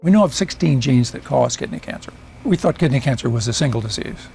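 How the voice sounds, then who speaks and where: A man's voice: medium pitch, lively intonation, fast talker, gravelly, darkish tone. A man who is a cancer researcher, explaining his work directly in an interview. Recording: music underneath. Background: music.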